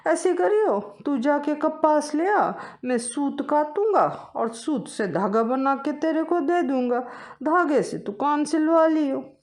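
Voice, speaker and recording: A folksy village weaver from a storybook, as a woman puts him on, drawing out his words slowly and loudly. The voice stays high despite the country drawl. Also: animated.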